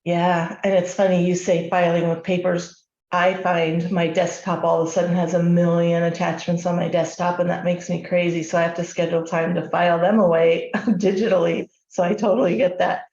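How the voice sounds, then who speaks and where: A woman's voice: fairly low pitch, level tone, moderate pace, a little mellow. A woman instructor giving an online course talk in a conversational way, with frequent ums and rhetorical questions to her listeners. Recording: roomy, muffled audio.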